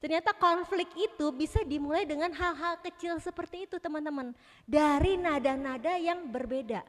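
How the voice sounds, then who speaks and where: A woman's voice: high voice, moderate pace. A middle-aged woman giving a chatty, playful talk to a church youth group, talking straight to the audience. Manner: chatty, playful, laughs often, talks to the audience. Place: church hall. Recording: reverberant hall.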